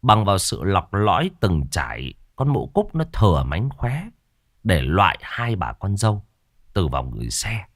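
A man reading a ghost story aloud in an animated, theatrical style. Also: deep voice, measured pace, no room sound, clean studio sound. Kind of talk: dramatic ghost story narration.

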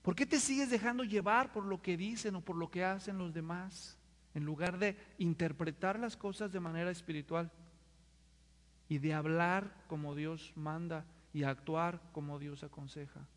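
A pastor preaches in a high, bright voice to his congregation. He keeps asking them questions, pushing them to answer. His words ring out with the long reverb of a big church hall. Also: moderate pace. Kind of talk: sermon.

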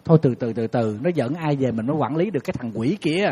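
A monk giving a casual dharma talk, telling stories in an animated way and acting out the people who call him. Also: male voice, mid-range voice, quick pace, husky. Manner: animated storytelling, acting out callers. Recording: hall reverb.

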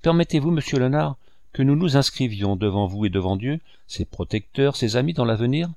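A man voicing an earnest, generous young gentleman who speaks in a pleading, heartfelt way. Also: mid-range voice, animated, fairly quick, no echo, pitched above the performer's own voice, lightly acted.

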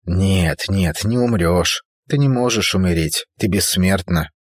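A man voicing a calm, compassionate young woman who speaks softly and slowly. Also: deep voice, dry recording, studio quality. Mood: soothing. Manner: soft, slow and soothing.

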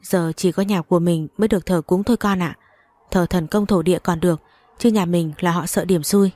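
A woman's voice: lowish voice, steady tone, fairly quick, mellow, dry recording, lightly acted. A woman voicing a stern middle-aged mother who scolds and laments. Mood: scolding.

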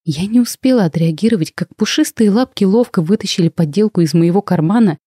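A woman reading a first-person audiobook aloud, lively and voicing every character herself. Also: mid-range voice, brisk, husky, no room sound, studio quality. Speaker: audiobook narrator.

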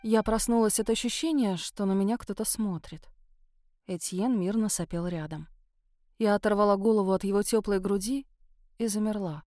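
A woman reading a first-person novel aloud as an expressive audiobook narrator. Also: mid-range voice, normal speed, dry recording, clean studio sound. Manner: lively, expressive storytelling.

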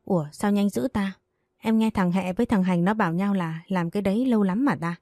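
A woman's voice: medium pitch, brisk, darkish tone, no echo, clean studio sound, natural voice. A woman voicing a naive chatty servant girl. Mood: chatty, puzzled.

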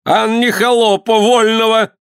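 A high, shrill voice of a spiteful old town governor, screeching and sputtering as he rages, as a man reading the story puts him on. The voice leaps up and down wildly and sounds close and dry. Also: sing-song, slow pace, no room sound, exaggerated voice. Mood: furious. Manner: screeching, stamping, sputtering with rage.

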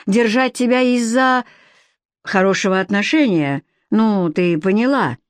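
A woman's voice: medium pitch, animated, a little slow, dry recording, lightly acted. Woman voicing a bossy middle-aged man, mocking and lecturing, audiobook character, dry close sound. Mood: condescending. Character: domineering middle-aged male TV boss.

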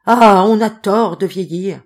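A woman's voice: mid-range voice, measured pace, close to an everyday voice. A woman reading an audiobook, voicing a forgetful, self-pitying old housekeeper who laments fussily. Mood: lamenting. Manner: lamenting, fussy.

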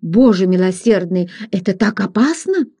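A woman reading aloud, voicing an anxious young gentleman who keeps asking worried questions. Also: mid-range voice, animated, normal speed, vocal fry, breathy edge.

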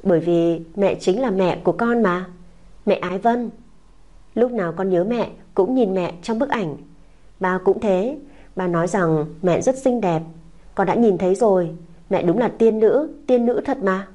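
A woman's voice: medium pitch, measured pace, warm tone, close to an everyday voice. A woman voicing a small tearful boy who clings and pleads, in a sobbing, whiny child's voice. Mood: tearful pleading. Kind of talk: audiobook character voice.

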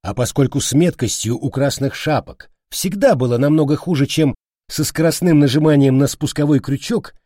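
A man narrating an audiobook slowly and expressively. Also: on the high side, no room sound, clean studio sound. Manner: slow, very expressive. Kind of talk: scripted narration.

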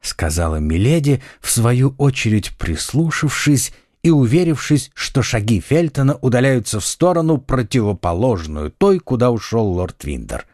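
A man narrating an adventure audiobook in a scripted, expressive, dramatic way. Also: mid-range voice, moderate pace, few pauses, dry recording, clean studio sound.

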